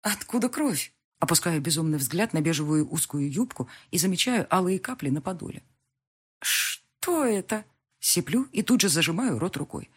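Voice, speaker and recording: A woman's voice: sits low, fairly quick, few pauses, breathy edge. A woman reading a first-person audiobook, telling the story expressively. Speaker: audiobook narrator.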